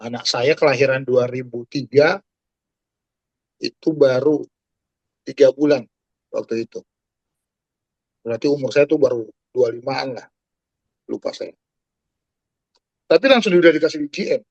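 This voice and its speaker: A man in his forties giving an animated talk on a video call, speaking straight to his listeners like a preacher. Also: mid-range voice, measured pace, long pauses, no room sound, dull audio. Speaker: guest speaker. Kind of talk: talk to an online audience.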